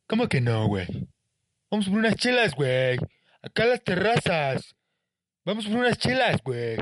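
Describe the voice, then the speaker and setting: A man's voice: sits high, big pitch swings, normal speed, a bit bright, no room sound, pitched above the performer's own voice. A man voicing a slangy young Mexican guy rounding up friends for beers. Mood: rowdy. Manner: slangy, rowdy.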